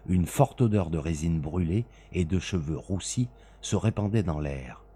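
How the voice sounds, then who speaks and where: A man narrating a story as an audiobook, in a measured, dramatic manner. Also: deep voice, expressive, mellow, breathy edge.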